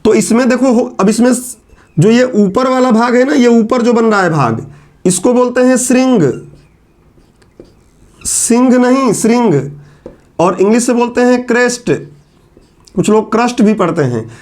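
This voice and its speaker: A man's voice: extremely high pitch, animated, moderate pace, a little mellow. A male teacher giving a classroom lecture, explaining step by step and answering his own questions as he writes on a board.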